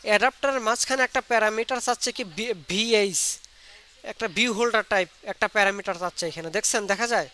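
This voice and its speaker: Bright-voiced man teaching a coding class. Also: high-pitched, fast talker, smooth. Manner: explains step by step, quizzing students with questions. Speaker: programming instructor. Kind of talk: live online coding class. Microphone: computer mic on a video call. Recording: faint background noise.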